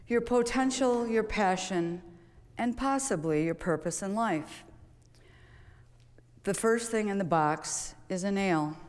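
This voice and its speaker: Speaking slowly in a mid-range voice, this female golf coach and public speaker delivers an inspirational talk from a big auditorium stage. She tells it like a story, chatty and full of rhetorical questions, with the long echo of a large hall behind her.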